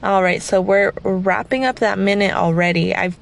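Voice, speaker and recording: A woman hosts a podcast, coaching listeners through a timed cleaning session at home. Her voice sits at an everyday middle pitch and is a little raspy from just waking up. She keeps it chatty and rambling, with self-deprecating asides. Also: moderate pace, a little hiss or hum. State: slightly raspy, just woken up. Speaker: podcast host. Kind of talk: casual guided cleaning session.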